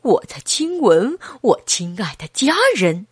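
A woman playing a tender father, calm and low, in a slow children's storybook. Close, dry sound. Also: slightly rough, dry recording, full character voice.

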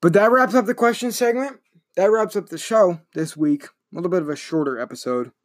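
A man's voice: high-pitched, brisk, no echo, clean studio sound. Young man rambling on a sports podcast. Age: young adult. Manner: rambling, self-correcting, chatty. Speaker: podcast host. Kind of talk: casual solo sports podcast.

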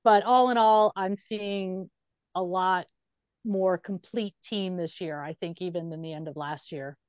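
A woman co-hosting a casual sports podcast, lively and excited, often laughing and talking over the others. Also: fairly low pitch, a little slow, smooth, no room sound, lo-fi sound.

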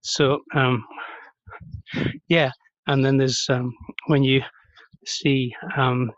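A man's voice: medium pitch, little pitch movement, very slow, no echo, highs cut off. A man talking casually with chewing gum in his mouth, rambling with many fillers and restarts. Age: adult, 30s or older. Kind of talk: casual monologue.

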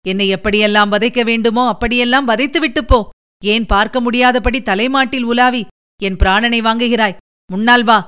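A woman's voice: on the high side, moderate pace, fairly bright tone, clear, resonant tone, close to an everyday voice. A woman voicing an aging king who is haunted by a ghost, pleading in anguish, within a narrated audiobook.

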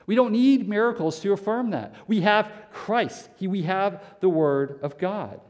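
A man's voice: high-pitched, measured pace, darkish tone. Man preaching in a reverberant hall. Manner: rhetorical questions, repeats words when restarting. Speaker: pastor. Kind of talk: sermon. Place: church sanctuary.

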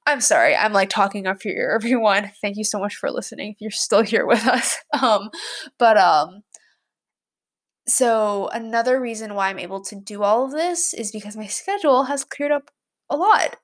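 A college student in her twenties chats casually to the camera, rambling along with plenty of fillers. Her voice is medium in pitch and a little bright.

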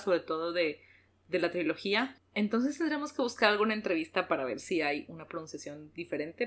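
A woman co-hosting a casual book discussion, animated and self-mocking with quick laughs. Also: fairly low pitch. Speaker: book podcast co-host.

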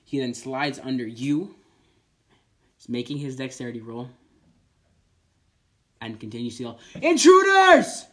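A man's voice: medium pitch, fairly even intonation, measured pace, long pauses, darkish tone. A man running a tabletop game as game master, narrating animatedly with frequent restarts.

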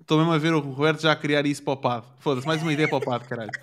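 A man's voice: on the high side, fairly even intonation, racing, fairly bright tone. A man with a European Portuguese accent chatting casually, using plenty of slang and swearing freely. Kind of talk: casual chat.

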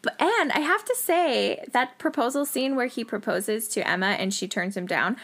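A woman co-hosting a podcast in a casual, animated chat, laughing often and acting out what people said. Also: a little high, moderate pace. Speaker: podcast co-host.

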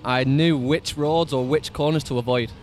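A man with a Lancashire accent tells stories in a relaxed, unhurried way, pausing often. His voice is mid-pitched, and faint music plays behind him. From Preston, Lancashire, England. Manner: laid-back, storytelling with many "um"s. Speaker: fitness coach, podcast guest. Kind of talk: casual interview chat.

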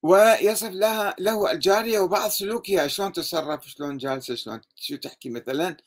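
A man with an Iraqi Arabic accent lectures in a critical tone. His voice sits a little high. He is sarcastic and keeps throwing out quick rhetorical questions. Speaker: religious critic.

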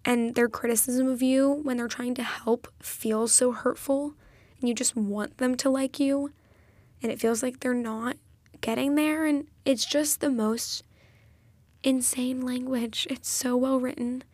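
A woman's voice: high-pitched, fairly even intonation, measured pace, darkish tone, no echo. Earnest young woman podcast host. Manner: earnest, enthusiastic retelling of film scenes. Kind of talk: solo film review podcast.

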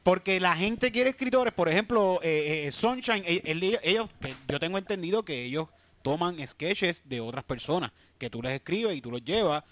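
Blunt Puerto Rican man, bright and high. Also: expressive, moderate pace. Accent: Puerto Rican Spanish. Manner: blunt, swears freely. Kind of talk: casual chat.

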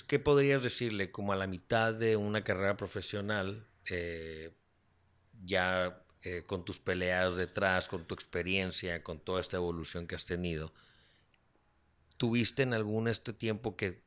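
A man interviewing a fighter, asking quick follow-up questions in a casual tone. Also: deep voice, fairly bright tone, clear, resonant tone. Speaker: interviewer host.

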